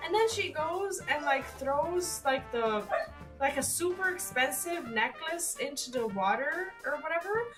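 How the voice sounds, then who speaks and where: A woman's voice: sits high, poor audio. A woman game streamer chatting casually to her viewers, rambling with lots of "like"s and the odd swear. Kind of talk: casual live-stream chat.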